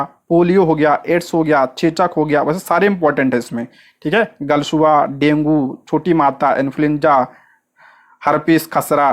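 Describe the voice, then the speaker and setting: A coaching teacher delivering an exam-prep lecture in a steady middle register. The delivery runs in a question-and-answer rhythm, each point posed and answered straight away, with frequent short check-ins and repeated stress on what matters. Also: mid-range voice. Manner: asks rhetorical questions and answers them at once.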